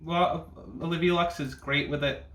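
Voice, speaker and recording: In a fairly high-pitched, fairly bright voice with fairly even intonation and a moderate pace, a male reviewer offers casual reactions while hosting a ranking video. His style is sassy and bitchy, drag-queen flavored, with plenty of camp slang and swearing. The recording has an echoey room and faint noise.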